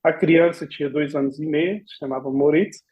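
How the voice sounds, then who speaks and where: As a podcast guest, a former au pair from Brazil recounts anecdotes casually in a high voice with a Brazilian Portuguese accent. He's lively, acting out every line of dialogue with laughs and exclamations at a moderate pace. The sound is slightly muffled and lo-fi.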